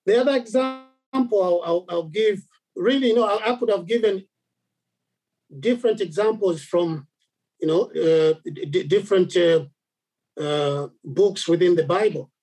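A man from Zambia preaching a sermon, halting, with many repeated words and fillers. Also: high-pitched, darkish tone, rough recording.

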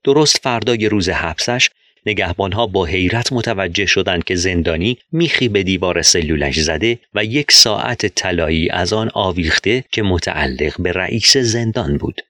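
A man narrating a short story in a steady, measured reading voice. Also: low-pitched, dry recording, studio quality. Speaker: audiobook narrator.

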